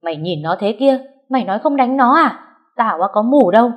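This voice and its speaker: Brief: woman storyteller playing a shrill elderly mother-in-law, abusive, shouting high. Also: expressive, a little fast, highs cut off. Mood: accusing.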